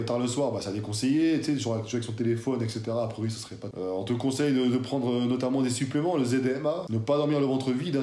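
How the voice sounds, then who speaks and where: A fitness YouTuber talks straight to his audience in a relaxed, slangy way, full of familiar asides. The man's voice is mellow and warm, of middling pitch. The sound bounces around a bare, echoey room. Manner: chatty, slangy, addresses viewer as "tu". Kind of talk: casual talk to camera.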